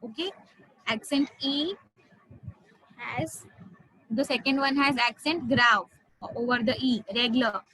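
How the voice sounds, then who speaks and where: An Indian woman teaching a French class online, explaining slowly, spelling words out and switching into Hindi. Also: on the high side, bright, forceful tone, breathy edge, low-quality recording.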